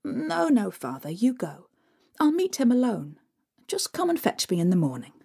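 A woman's voice: a little high, wildly swooping pitch, normal speed, creaky, warm tone, breathy edge, voice pushed up, heavily acted. A woman voicing a kind, earnest young girl heroine in a spoken folk tale.

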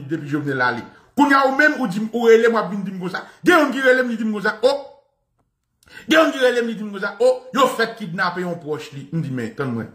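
A man giving animated, satirical commentary, mocking as he talks, laughing often and imitating bangs and gunshots. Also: sits high. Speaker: online commentator. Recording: echoey room.

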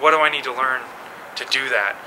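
A relaxed man in his thirties chats in a loose, self-deprecating way, with a mid-range voice. The camera mic picks him up outdoors, and clear background noise runs under his words. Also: mid-range voice, brisk. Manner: easygoing, laughs often, self-deprecating. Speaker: mountain bike website staffer. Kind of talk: casual interview. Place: outdoors by a building wall. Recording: noisy outdoor camera audio.

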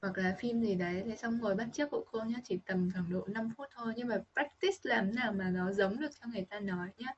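A woman's voice: medium pitch, fast, few pauses, muffled recording, slight background noise. A woman with a Vietnamese accent teaching English pronunciation to a child, patient and coaching, modelling sounds over and over. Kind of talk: online pronunciation lesson for a child.

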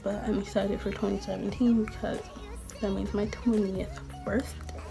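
A 19-year-old woman, a beauty vlogger, chats casually while doing her makeup in a small bedroom, rambling with plenty of "like" and "um." Her mid-range voice has vocal fry and little pitch movement, and she talks at a normal speed over music.

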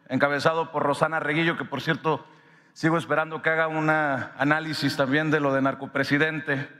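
Forceful man speaking in a reverberant hall. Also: fairly high pitch. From Sonora, Mexico. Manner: earnest and grateful, emphatic with drawn-out pauses. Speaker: independent media director giving a speech. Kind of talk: formal public address. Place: large ornate hall in a palace. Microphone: podium microphone. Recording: long reverb of a large hall.

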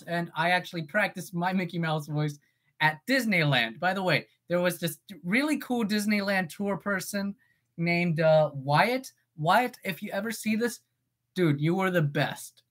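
A woman voice actor with a lowish, animated voice chats casually on a livestream at a moderate pace. She's playful and jokey, swears often, and slips into silly voices.

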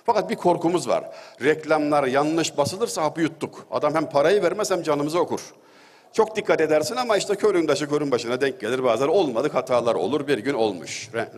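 A middle-aged man giving a religious talk, telling anecdotes with wry humor and an easy storytelling manner. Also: mid-range voice. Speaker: religious speaker. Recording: long hall reverb.

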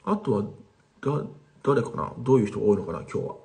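A man's voice: lowish voice, animated, quick pace, a little mellow. A man teaching casually on a livestream, chatting with viewers and replying to their comments. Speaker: language teacher streaming live.

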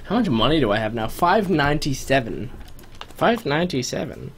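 A young adult gaming video host, born in New Zealand where he spent his first three years, gives excitable, casual gameplay commentary from a small room at home. He's animated, exclaims often and keeps cutting himself off, speaking at medium pitch and a moderate pace. A little hiss or hum sits under the recording.

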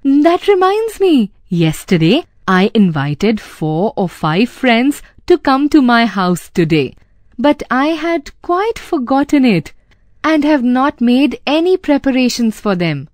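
A woman's voice: fairly high pitch, very animated, a little slow, no echo, pitched above the performer's own voice. A woman reads as a talkative barber from a children's storybook, fussing and soothing in long, wordy turns. The voice swoops up and down and takes its time, and the recording is dry and close. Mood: chatty. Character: chatty, self-important male barber.

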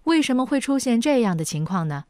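A woman's voice: on the high side, very animated, quick pace, a little mellow. A woman reading scripted news narration as a reporter's voice-over.

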